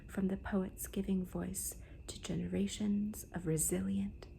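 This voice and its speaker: A woman speaking in a hushed, breathy whisper in a soft-spoken ASMR book talk, with deliberate, gentle pauses between phrases. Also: mid-range voice, little pitch movement. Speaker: host of a book haul video. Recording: noticeable background noise.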